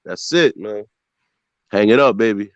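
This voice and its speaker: A man's voice: lowish voice, unhurried, dry recording, muffled recording. A man with a Brooklyn accent bantering casually in street slang, teasing and repeating himself as he cuts in. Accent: Brooklyn, New York. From Brooklyn, New York, USA. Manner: repetitive, teasing, interjecting.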